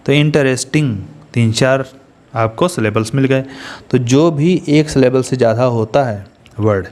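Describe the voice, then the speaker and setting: A man's voice: mid-range voice, moderate pace, a little mellow. Indian guy teaching english grammar, goes step by step, keeps asking the class questions. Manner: explains step by step, asks students questions. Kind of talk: Hindi-English grammar lesson.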